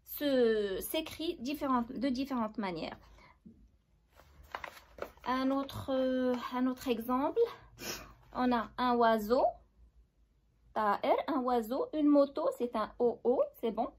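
A woman's voice: sits high, slow, pauses often, a little hiss or hum. A young woman with a Moroccan accent teaching basic French, explaining each point step by step and checking that her students follow. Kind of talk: classroom lesson.

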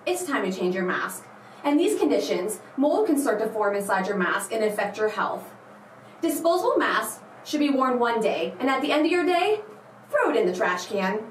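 A woman school nurse reading a health announcement to staff and students over the school intercom, in a plain, instructive way. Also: a little high. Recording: echoey and distant with faint hiss.

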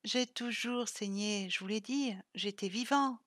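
A woman reading the lines of a gentle, weary man cursed for centuries, speaking softly and tenderly. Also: mid-range voice, a little slow, dry recording, clean studio sound, lightly acted.

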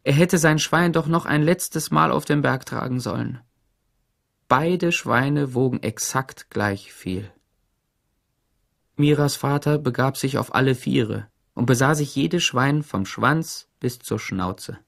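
A man narrating an audiobook in an expressive storytelling manner. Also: mid-range voice, slow, vocal fry. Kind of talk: scripted narration.

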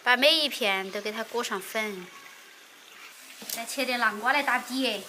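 Young female cooking vlogger, Sichuan dialect, fairly high voice, casual chat, noisy outdoor kitchen recording. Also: a little slow, bright, forceful tone. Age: young adult. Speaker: cooking vlog host. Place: open-air village kitchen.

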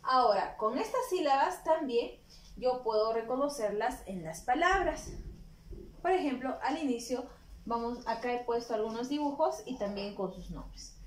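Peruvian woman, preschool teacher; slow, high voice, echoey room with light hiss. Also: lively intonation. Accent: Peruvian Spanish. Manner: slow, drawn-out syllables, questions to young children. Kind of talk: children's phonics lesson. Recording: echoey room with faint noise.

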